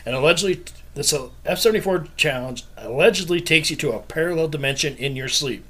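A man's voice: on the high side, lively intonation, fast, a bit bright. A man hosting a podcast in casual chat, telling stories, laughing often and swearing freely. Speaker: podcast host.

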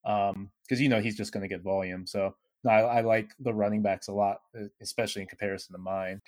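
A man co-hosting a fantasy football podcast, talking casually and haltingly with many uhs. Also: on the low side, steady tone, no echo, clean studio sound. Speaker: podcast co-host.

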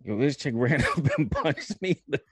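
A young man telling a personal story in a casual podcast chat, animated and laughing as he talks. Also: medium pitch, moderate pace, a little hiss or hum. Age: young adult. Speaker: podcast co-host.

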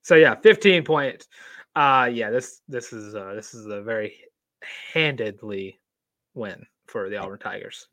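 Bright-voiced young man, joking co-host. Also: fairly low pitch, measured pace, no room sound. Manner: laughing, jokey banter. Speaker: podcast co-host. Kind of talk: casual podcast chat.

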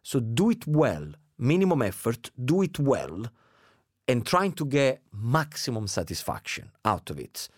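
A middle-aged man with an Italian accent chatting casually, animated and laughing often. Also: medium pitch, measured pace, dry recording, studio quality. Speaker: guest. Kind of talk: casual chat.

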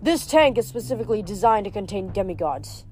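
A gloating male sea god, grotesque and cheerfully menacing, as a woman reads him, with a lively voice that swoops up and down. He taunts his prisoners in a mocking, showman-like way. Faint music plays behind him. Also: mid-range voice, brisk, close to an everyday voice. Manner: mocking, sing-song showman.

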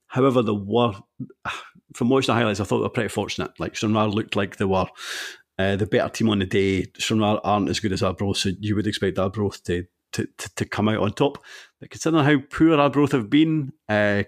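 A Scottish man with a Fife accent talks casually as a sports panellist. His voice sits at an average pitch, and he hedges his opinions, thinking aloud as he goes. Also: gravelly. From Fife, Scotland. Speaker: football podcast panellist. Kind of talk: casual football chat.

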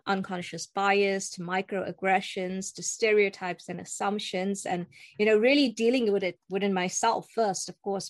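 A young adult woman from South Africa who works as a cross-cultural communication coach speaks earnestly as a guest in a casual interview. Her voice is medium in pitch, there's no room sound, and she uses filler words like "um" and restarts her sentences.

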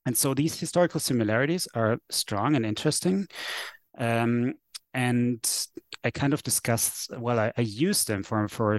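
A man in his thirties, a native German speaker from Austria, answers interview questions thoughtfully, with lots of fillers and restarts. He's a guest author and sociologist, his voice medium in pitch with no room sound.

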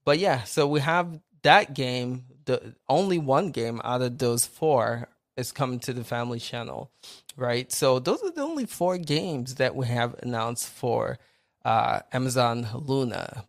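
A man's voice: mid-range voice, expressive, measured pace, gravelly, no room sound. Host type: Nigerian-accented man, chatty and upbeat, dry studio sound. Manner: upbeat, greets viewers by name. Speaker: podcast host. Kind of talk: casual live-stream chat.

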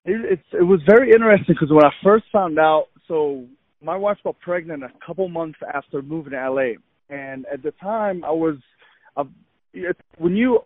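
A man in his thirties from Egypt talks as a guest in an eager, animated way, full of fillers and quick restarts. His voice comes through a tinny, phone-like line. The sound is dry with no room around it. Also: on the high side, dry recording. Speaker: podcast guest, fitness trainer. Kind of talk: casual interview chat.

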